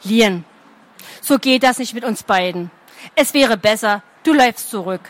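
Woman doing a calm practical herb guy, earnest and plain, storybook voice. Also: on the high side, measured pace, close to an everyday voice. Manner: calm, earnest, matter-of-fact. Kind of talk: storybook reading.

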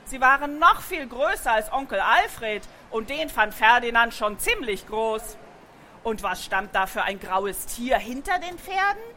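A woman reading a children's book aloud, with gentle, expressive storytelling. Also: on the high side, a little slow, a little hiss or hum. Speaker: narrator.

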